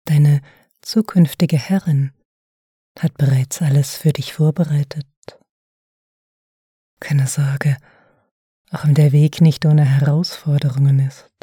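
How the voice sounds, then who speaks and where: Low, breathy whispering woman. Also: mellow, no echo, clean studio sound. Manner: intimate, often unvoiced whisper. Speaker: narrator. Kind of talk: whispered second-person audio story.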